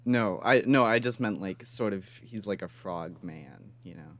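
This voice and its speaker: Male co-host, lower voice, giggly and rambling, casual podcast chat. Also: measured pace, fairly bright tone, slight background noise. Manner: giggly, rambling, laughs often.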